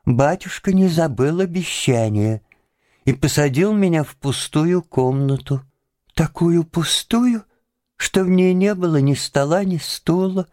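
A man narrating a story in a lively, expressive storytelling manner. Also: fairly high pitch, dry recording, studio quality.

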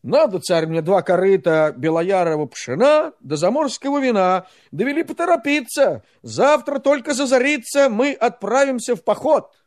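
Dude voicing a scared young peasant guy, whiny protests, jumps up high. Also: lively intonation, normal speed, hardly any pauses, no echo, clean studio sound. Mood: earnest. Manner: pleading, protesting loudly. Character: simple young peasant lad, frightened.

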